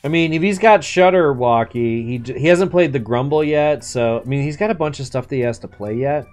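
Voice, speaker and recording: A man's voice: medium pitch, a little fast, a little mellow. Guy streaming a game, chatty and slangy, swears a bit, music in the background. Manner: casual slangy speech with swearing. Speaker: live streamer. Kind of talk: casual live game-stream commentary and chat.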